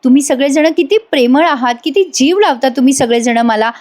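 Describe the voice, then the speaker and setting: An earnest young wife from a family serial speaks with open, pleading affection. Her voice sits high and bright in tone, as a woman narrator puts her on in a retelling. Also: a little fast, close to an everyday voice. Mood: sincere. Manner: heartfelt, pleading.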